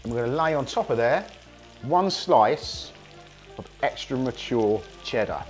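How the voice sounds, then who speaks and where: A man hosting a casual cooking demonstration, hoarse from a cold, chatting enthusiastically to viewers as he cooks. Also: medium pitch, animated, a little slow, faint music behind. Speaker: cooking show host.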